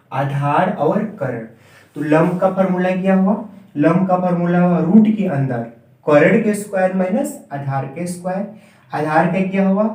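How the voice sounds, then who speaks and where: A man's voice: a little high, dark tone. Male maths teacher, repetitive drilling style, distant echoey classroom sound. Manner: repetitive drilling, spelling terms out letter by letter. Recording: echoey room, voice far from mic.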